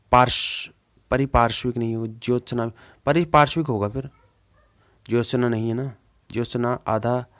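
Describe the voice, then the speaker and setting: A man teaching a Hindi exam-prep lesson, informally thinking aloud and repeating words slowly as he works out each answer. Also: medium pitch, darkish tone. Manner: informal, says "yaar" to himself.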